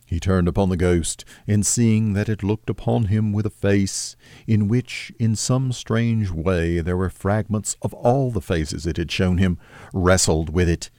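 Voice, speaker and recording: A man narrating a classic novel as an audiobook, with measured, steady storytelling. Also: sits low, no room sound, studio quality.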